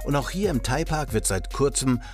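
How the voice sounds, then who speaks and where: A male host reads a scripted food-magazine voice-over in a measured, even manner. His voice sits in the middle range, with faint music playing beneath it. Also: mid-range voice. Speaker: host and reporter.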